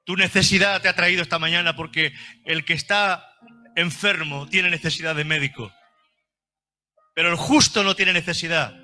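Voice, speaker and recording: A man's voice: fairly high pitch, steady tone, normal speed, pushed and bright. A man preaching a fervent sermon at a church service, repeating phrases for emphasis. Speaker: pastor.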